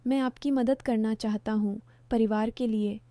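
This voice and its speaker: A smooth-talking greedy young man, coaxing and wheedling in a storybook tale, as a woman narrator reads his lines. The voice sits fairly high and mellow. It is recorded dry and close. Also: fairly even intonation, normal speed, no room sound, lightly acted. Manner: persuasive, wheedling.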